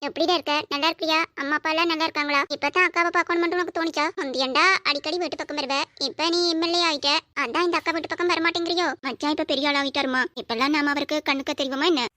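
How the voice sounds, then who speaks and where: A woman voicing a scheming, sharp-tongued stepmother in a cartoon drama, taunting and scornful. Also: sits high, steady tone, very fast, few pauses, dry recording, studio quality. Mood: teasing.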